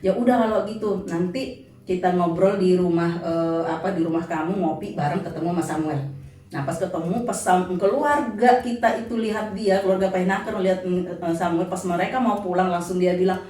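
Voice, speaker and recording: A woman, telling her story in casual chat, blunt and lively, often laughing and acting out what people said. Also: fairly low pitch, fairly quick. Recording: echoey room, voice far from mic.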